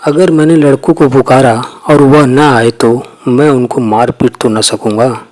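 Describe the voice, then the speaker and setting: A man narrating a classic short story in a measured, even storytelling manner. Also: mid-range voice, faint music behind.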